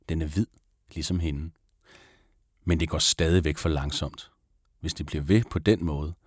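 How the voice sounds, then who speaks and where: Male audiobook narrator for children's stories: very low voice, calm, measured, dry. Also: husky, no echo. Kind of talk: audiobook reading of a children's book.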